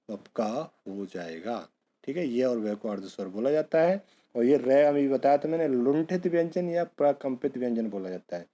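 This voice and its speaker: A man's voice: mid-range voice, warm tone. A man teaching an exam-prep grammar lesson, who asks a question and then answers it himself, calling his students bhaiya and beta.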